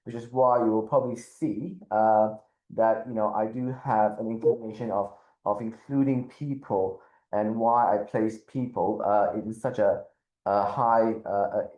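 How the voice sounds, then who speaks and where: A middle-aged man from Malaysia, a business school dean, giving a measured webinar talk and often repeating words as he thinks. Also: lowish voice, mellow, reverberant, highs cut off. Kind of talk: webinar presentation.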